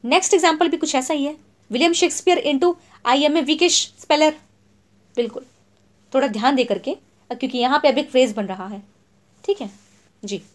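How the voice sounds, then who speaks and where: A woman teacher explaining English literary terms in a Hindi exam lesson. She reads English definitions slowly and word by word, then explains them in Hindi, often checking in with "theek hai". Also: sits high.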